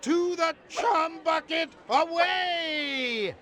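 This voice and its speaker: A man voicing a bumbling, absent-minded old cartoon superhero with a creaky, theatrical delivery, over music. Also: very high-pitched, drawn-out words, heavily acted. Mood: heroic. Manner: theatrical heroic declaiming, easily muddled. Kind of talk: cartoon game voice acting. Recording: loud music behind the voice.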